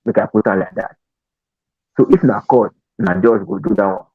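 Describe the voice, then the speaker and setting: Nigerian male, mid pitch, raspy, explanatory Pidgin talk, narrow phone-quality audio. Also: moderate pace. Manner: explanatory, reasoning through examples. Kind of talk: casual discussion in Nigerian Pidgin. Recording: roomy, tinny phone-like sound.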